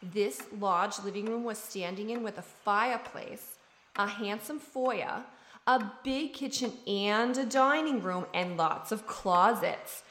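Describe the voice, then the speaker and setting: A woman doing a folksy, slow-talking estate agent. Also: mid-range voice, a bit bright. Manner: slow, folksy sales talk. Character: chatty, folksy older female estate agent. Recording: roomy echo.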